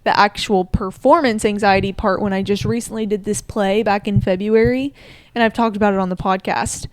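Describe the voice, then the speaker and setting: A young woman in her twenties chats earnestly on a podcast and thinks aloud as she goes. Her voice is smooth and clear at an ordinary pitch. The sound is dry and close. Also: steady tone, a little fast, dry recording. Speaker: podcast co-host. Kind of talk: casual reflective chat.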